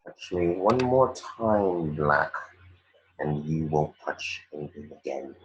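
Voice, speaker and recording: In a fantasy script read, a man plays a scornful wizard professor with a very low voice, speaking formally, curtly and condescendingly, cold throughout. The performance is heavily acted and expressive, slow-paced, with a sneering menace, though the audio sounds dull.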